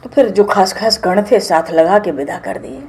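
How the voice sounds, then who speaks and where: Woman, devotional storyteller, expressive, hushed asides, mid pitch. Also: normal speed, slight background noise. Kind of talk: scripture storytelling discourse.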